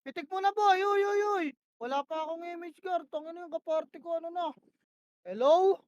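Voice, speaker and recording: A woman with a very high, piercing voice runs her team's plays in a tactical shooter. She snaps out short commands again and again and curses when the team lags. Her headset sound is dry and close. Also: normal speed, darkish tone, dry recording, dull audio. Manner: barks short repeated commands, swears when frustrated. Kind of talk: rapid in-game voice comms.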